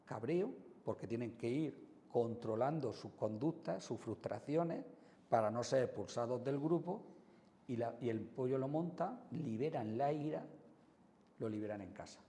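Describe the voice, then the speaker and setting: A man with a Spain Spanish accent giving expressive educational advice to parents as a psychologist, swinging between loud and soft as he acts out examples. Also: mid-range voice, a little slow, long reverb tail. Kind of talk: educational talk to camera.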